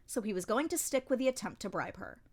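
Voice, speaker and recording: A woman narrating a fan audiobook of a novel in an expressive storytelling manner. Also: fairly high pitch, fast.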